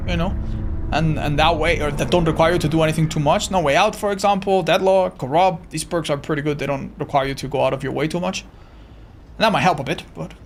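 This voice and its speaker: High-voiced, slightly raspy streamer man. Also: fairly quick, slight background noise. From Andorra. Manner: animated, swearing, answers chat while playing. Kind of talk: casual live-stream chat.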